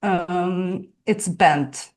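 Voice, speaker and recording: A woman from Hungary with a Hungarian accent, speaking English as a podcast guest, talking slowly and thoughtfully with soft laughs. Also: fairly low pitch. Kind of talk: casual interview talk.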